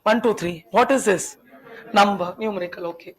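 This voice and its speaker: A young adult woman whose first language is Tamil teaches a classroom lecture in a mid-range voice at normal speed. She keeps throwing questions at her students and teases them in a chatty manner.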